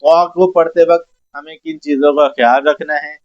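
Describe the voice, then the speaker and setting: A man with a fairly high voice teaching Quran pronunciation, repeating each syllable slowly and deliberately. The recording is muffled and lo-fi. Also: fairly even intonation. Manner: slow, repetitive, drawn-out syllables for students to copy. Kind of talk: tajweed lesson, drilling letter sounds. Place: mosque classroom. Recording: dull lo-fi recording.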